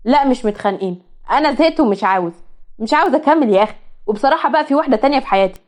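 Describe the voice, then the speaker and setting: A fed-up young man, voiced by an Egyptian woman sounds defensive and dismissive. The voice is high-pitched and hurried, in a storybook drama. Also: expressive. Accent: Egyptian Arabic.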